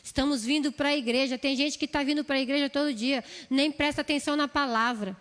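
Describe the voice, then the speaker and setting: High-voiced woman preaching in a reverberant church. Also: fairly even intonation, fairly quick, a bit bright. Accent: Brazilian Portuguese, São Paulo. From Brazil. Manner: earnest, pleading, repeats phrases. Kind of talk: sermon. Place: church hall. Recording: long hall reverb.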